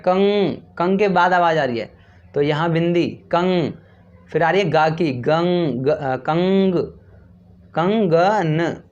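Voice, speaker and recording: A man teaching Hindi spelling, repeating each word slowly and asking and answering his own questions. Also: on the high side. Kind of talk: slow classroom explanation. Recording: dull lo-fi recording.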